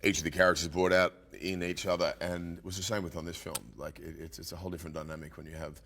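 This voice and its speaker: A male actor in an interview, talking in a relaxed way and chuckling. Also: sits low, quick pace. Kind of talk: casual interview chat.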